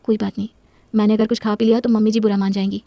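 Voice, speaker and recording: A woman's voice: medium pitch, level tone, very fast, creaky, mellow, dry recording, natural voice. A woman voicing a timid, anxious young pregnant wife who speaks hesitantly. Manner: hesitant, pleading.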